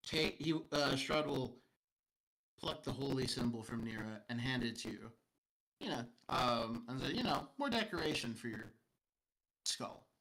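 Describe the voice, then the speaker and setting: A man's voice: medium pitch, a little slow, fairly bright tone, low-quality recording. A man running a tabletop game as game master, talking hesitantly with many fillers.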